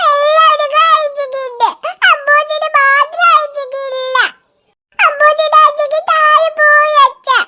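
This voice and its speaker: Brief: weepy little cartoon girl, shrill and bright, slow sobbing whine. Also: little pitch movement, heavily acted. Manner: sobbing, whiny, pleading. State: crying. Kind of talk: cartoon voice acting.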